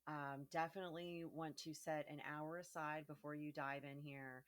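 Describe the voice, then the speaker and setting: A young woman with a low, grounded voice, speaking as a yoga teacher in a relaxed, casual way. She talks gently and unhurriedly, with frequent ums and endings that soften and trail away. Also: normal speed. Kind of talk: casual spoken introduction to a guided meditation.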